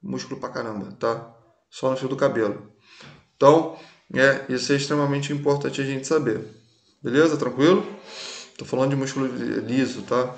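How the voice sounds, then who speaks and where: Man, teacher, relaxed lecture, keeps checking students follow, medium pitch, roomy echo. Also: moderate pace, gravelly. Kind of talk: recorded class lecture. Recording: echoey room.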